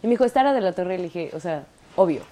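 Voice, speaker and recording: A woman's voice: fairly low pitch, animated, racing, dark tone. A Mexican woman guest chatting on a talk show, bubbly and enthusiastic. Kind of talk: casual chat.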